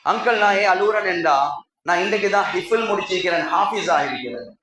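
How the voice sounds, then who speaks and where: A man's voice: high voice, fast talker, noisy background, voice pushed down, lightly acted. A man with a Sri Lankan Tamil accent voicing a sixteen-year-old boy who pleads sorrowfully in a told story. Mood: ashamed. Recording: echoey hall with crowd.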